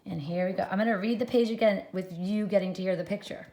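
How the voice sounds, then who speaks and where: A kindergarten teacher giving gentle, step-by-step instructions during a read-aloud lesson, filmed on a handheld camera. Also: female voice, mid-range voice, fast talker, echoey room.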